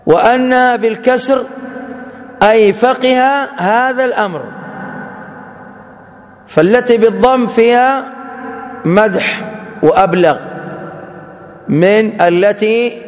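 Slow-speaking male teacher in an echoey hall. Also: high-pitched. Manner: measured, explanatory, deliberate. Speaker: Islamic teacher. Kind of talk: religious lesson.

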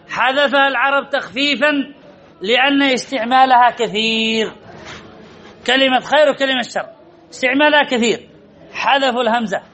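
High-voiced man teaching a lesson. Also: pushed and bright. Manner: asks questions and answers them himself, repeats key points. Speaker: grammar teacher. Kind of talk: classroom lesson. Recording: dull lo-fi recording.

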